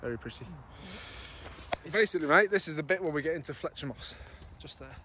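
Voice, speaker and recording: A man's voice: on the high side, fast, a bit bright. A middle-aged man chatting enthusiastically while leading a friend on a riverside park walk, recorded on a camera mic outdoors. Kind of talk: casual walking chat.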